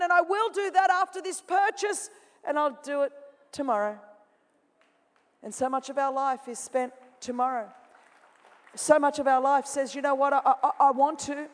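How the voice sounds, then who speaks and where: Her voice high-pitched and echoing with long reverb through a large auditorium, a woman in her forties preaches to a congregation. She is from Australia and her first language is Greek. Dramatic throughout, she shifts from loud, animated imitation to hushed, intense confession.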